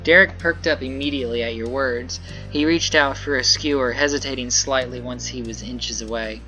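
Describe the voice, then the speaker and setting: A man's voice: mid-range voice, moderate pace, bright, forceful tone, soft background music. A man playing through a visual novel, reading the narration aloud and adding casual comments on his choices. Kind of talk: story game playthrough with commentary.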